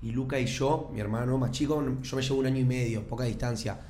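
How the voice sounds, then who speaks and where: A man's voice: medium pitch, fast, reverberant, a little hiss or hum. A young man with a Rioplatense Argentine accent, telling stories animatedly as a stream panelist. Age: young adult. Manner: animated storyteller, slangy. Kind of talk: casual chat.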